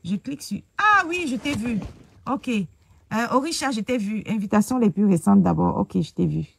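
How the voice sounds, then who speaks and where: A woman hosting a casual live stream, talking hesitantly and filling pauses with "euh" while she searches on her phone. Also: mid-range voice, animated, vocal fry, slight background noise.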